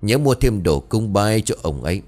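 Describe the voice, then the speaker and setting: Narrator doing a gruff old landlord, low voice, barks orders. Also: male voice, big pitch swings, normal speed, a little mellow. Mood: stern. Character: stern old male landlord.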